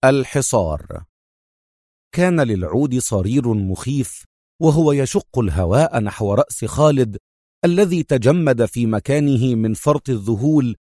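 A male narrator reading a spy thriller with a lively, rising and falling delivery. His voice sits close to the microphone in a dry recording with no room around it. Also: medium pitch, dry recording. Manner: expressive storytelling. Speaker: audiobook narrator. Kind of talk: dramatic scripted narration.

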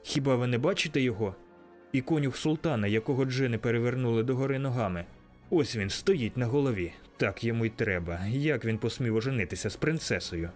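A man's voice: fairly low pitch, animated, fast, soft background music, close to an everyday voice. A man reading an audiobook, voicing a sentimental old miser who exclaims and then murmurs tearfully. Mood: exclaiming. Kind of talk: audiobook character voice.

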